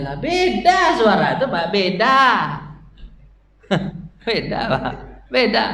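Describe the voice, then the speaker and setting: A man's voice: on the high side, a bit bright. A man, giving a conversational dawn study lecture in a mosque, constantly quizzing his listeners and using homely, humorous examples. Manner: chatty, quizzes the audience with constant questions. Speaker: Islamic preacher. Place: mosque hall. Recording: echoey mosque hall, faint background noise.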